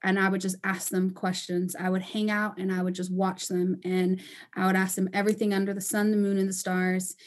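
A woman's voice: mid-range voice, level tone, fairly quick. Chatty woman from Panama. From Panama and Costa Rica. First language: Spanish. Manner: candid and chatty, frequent um fillers. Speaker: construction company owner, guest. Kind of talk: casual interview.

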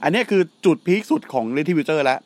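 A man's voice: a little high, animated, brisk. A man co-hosting a casual wrestling chat, speaking in a blunt, slangy and profane way. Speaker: podcast co-host.

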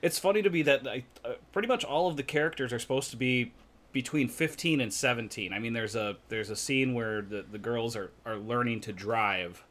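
A man hosting a casual podcast chat, often restarting words and filling pauses with uh, laughing easily. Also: mid-range voice, a bit bright. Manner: stammering restarts, frequent uh fillers, laughs easily. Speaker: podcast host.

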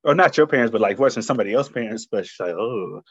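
A relaxed man chatting about sports in easy slang, asking his co-host what he thinks. The recording sounds a little dull and lo-fi. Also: mid-range voice, rapid-fire, slightly rough. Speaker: podcast co-host. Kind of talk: casual sports chat.

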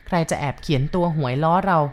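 A woman tells a ghost story at an even, unhurried pace. Her voice sits a little low for a woman, and she keeps the reading calm and steady.

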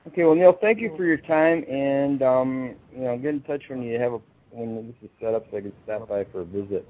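A man calling in to a talk show over the phone, saying a quick polite goodbye. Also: mid-range voice. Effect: voice heard over a phone line. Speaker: caller, political candidate. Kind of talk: casual sign-off chat. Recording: tinny distant phone line.

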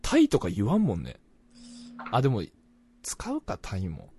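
A young man from Fukuoka with a Hakata accent, chatting casually as a podcast co-host, jumping between loud bursts and mumbled asides. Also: fairly low pitch, huge pitch swings, normal speed, a little hiss or hum. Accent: Hakata dialect. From Fukuoka, Japan. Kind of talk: casual chat.

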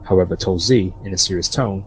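A man's voice: low voice, fairly quick, soft background music, poor audio. A man reading a scripted ghost story as a narrator.

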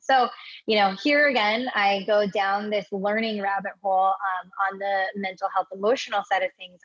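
A woman in her thirties from Hawaii, a guest in an interview, telling her story in a chatty way and often adding "right?" and "you know". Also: medium pitch. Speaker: podcast guest. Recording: dull lo-fi audio.

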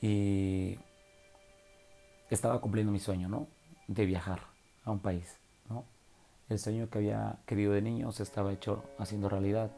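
Young Mexican man, low and warm voice, chatty slangy storyteller. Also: level tone, normal speed, creaky, long pauses, faint music behind. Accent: Mexican Spanish. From Oaxaca, Mexico. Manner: slangy, chatty, full of fillers and tag questions. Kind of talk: casual personal storytelling.

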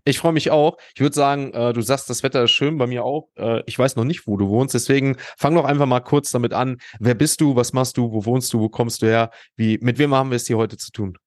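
A man's voice: mid-range voice, fairly even intonation, fairly quick, few pauses, darkish tone. A man hosting a podcast interview who talks with enthusiasm in long, run-on sentences. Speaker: podcast host.

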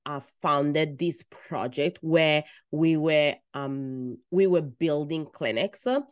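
Speaking in a low pitch, a thirty-something Italian-accented midwife shares her own story for a podcast, earnest and gently emphatic with pauses between phrases. The recording is dry and studio quality.

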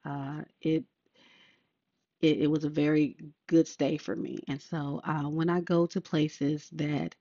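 A woman's voice: low voice, flat delivery, takes it slowly, mellow, no echo. A woman podcast host, older, talking in a laid-back, rambling way with many fillers. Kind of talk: casual podcast monologue. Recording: dull lo-fi sound.

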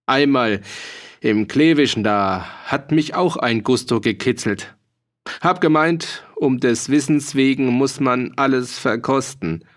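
A man's voice: mid-range voice, measured pace, a bit bright, natural voice. A man voicing a cheerful, roguish male mercenary with a dialect, jovial and teasing. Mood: jovial boastful. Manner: jovial, teasing, bursts of laughter.

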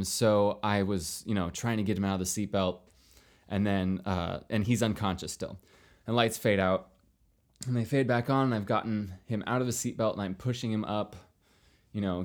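Low-voiced young man rambling through a story. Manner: rambling, many fillers and restarts; animated when quoting others. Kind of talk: casual storytelling chat.

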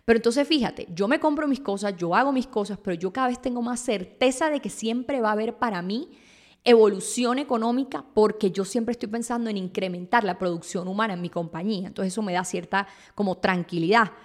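A woman's voice: medium pitch, a little fast. Girl podcasting, chatty and open, just talking to you, mid voice. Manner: animated, confessional, talks directly to listener. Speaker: podcast host. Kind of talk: casual monologue.

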